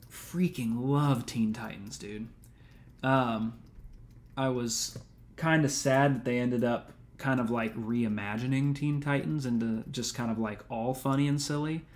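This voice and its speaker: A man in his twenties giving casual, rambling gameplay commentary on a live stream, full of "um" and easygoing slang. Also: mid-range voice. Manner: rambling, laid-back, frequent "um" and slang like "dude" and "man". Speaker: let's play streamer.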